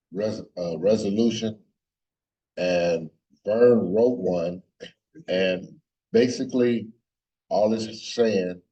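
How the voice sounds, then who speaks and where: A man chairing a club meeting who speaks haltingly and uses fillers. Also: sits low, warm tone. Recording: distant, dull lo-fi room recording.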